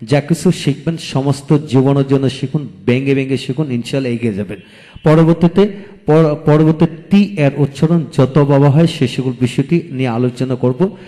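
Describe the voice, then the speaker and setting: A man teaching English pronunciation in a video lesson, saying each word slowly twice and spelling it out. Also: medium pitch, warm tone. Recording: long hall reverb.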